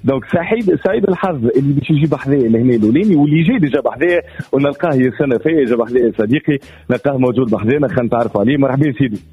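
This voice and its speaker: A man's voice: medium pitch, rapid-fire, slight background noise. A Tunisian man presenting a radio prize giveaway in upbeat, promotional game show host patter. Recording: muffled on-location radio link.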